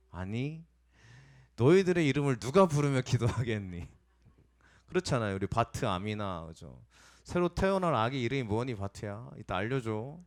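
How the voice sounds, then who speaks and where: A man preaching a Sunday sermon as pastor, talking directly to his congregation, asking them questions and now and then acting out angry shouts. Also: lowish voice. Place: church sanctuary.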